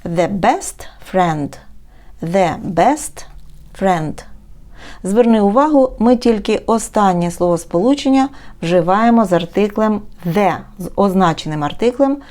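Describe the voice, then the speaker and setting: A woman tutor giving a recorded language lesson, drilling words slowly and clearly with repetitions and quick explanations. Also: mid-range voice, expressive, a little mellow. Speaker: English tutor.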